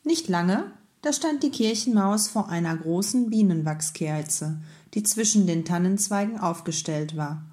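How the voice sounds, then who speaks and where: A woman reads a children's story aloud in a calm, storytelling manner. Her pace is slow and her voice mellow and warm. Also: on the low side. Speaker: kindergarten head reading a story.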